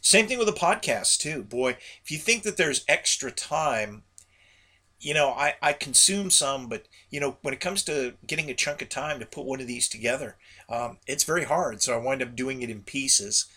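A man speaks in a gravelly voice with a bright, hard-edged tone at a medium pitch. He delivers a casual solo podcast monologue in a folksy, rambling way, as a host chatting to regular listeners. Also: expressive, normal speed.

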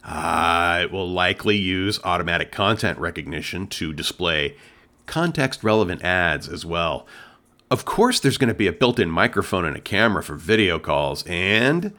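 A man's voice: low voice, animated, moderate pace, pushed and bright. A man co-hosting a home theater tech show in casual chat, talking things through and chuckling between points.

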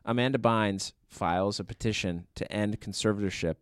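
Low-voiced man reading headlines. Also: no echo, studio quality. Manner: measured, reads headlines aloud. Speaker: podcast producer reading headlines. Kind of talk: casual chat.

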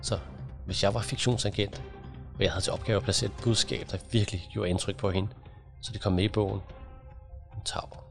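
A man reading an audiobook in a measured, even narration. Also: fairly low pitch, gravelly, over music. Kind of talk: scripted narration.

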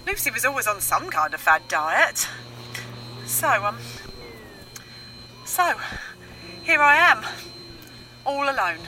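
Woman playing a chatty lonely survivor, 30s, very bright, lively pitch. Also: slow pace, pauses often, slight background noise, rough recording. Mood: rambling. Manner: chatty, giggly, rambling.

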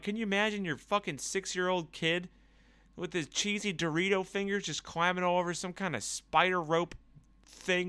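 A young man from the US Northeast rambles through a sarcastic, profane solo rant. His voice is bright and crisp. The sound is dry and close. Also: on the high side, no room sound.

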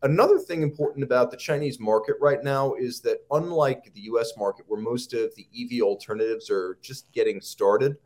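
A man's voice: medium pitch, a little fast, hardly any pauses, darkish tone. A man hosting a podcast in a conversational presenting style, with a wry manner and jokey asides. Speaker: podcast host.

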